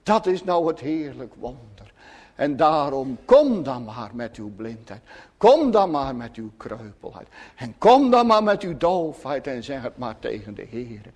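A man's voice: mid-range voice, big pitch swings, measured pace, a little mellow. A man preaching a fervent, emphatic sermon in church. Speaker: pastor. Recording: long church reverb.

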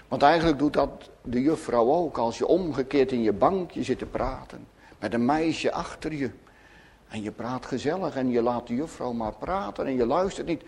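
A man preaching a sermon, swinging between loud urgent pleading and soft hushed asides. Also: mid-range voice, creaky, husky. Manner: slow, deliberate preaching. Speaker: pastor.

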